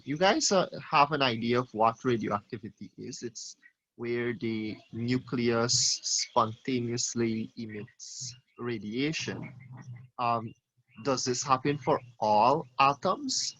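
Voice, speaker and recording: A man's voice: medium pitch, slow pace, fairly bright tone, rough recording. A male teacher leading an online class over a video call, asking questions and calling on students by name.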